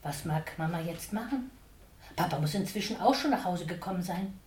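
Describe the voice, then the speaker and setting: A woman reading a children's book aloud in an expressive, lively way. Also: lowish voice, moderate pace. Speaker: storyteller. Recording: roomy echo.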